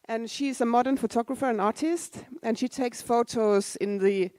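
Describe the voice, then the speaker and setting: In a conference hall, a forties-aged woman originally from Denmark gives an easygoing talk that pokes fun at herself, with asides to the audience. Her voice is a little high and slightly mellow, at normal speed with no echo.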